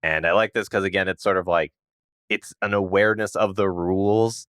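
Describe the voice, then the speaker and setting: Low-voiced man, easygoing podcast co-host, dry close sound. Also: fairly even intonation, brisk, fairly bright tone, clear, resonant tone, no echo. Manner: laid-back, musing, often laughing. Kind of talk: casual chat.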